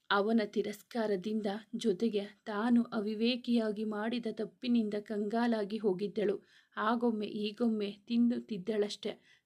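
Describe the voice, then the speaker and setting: A woman narrating a serialized romance story in a steady, emotive read-aloud. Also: medium pitch.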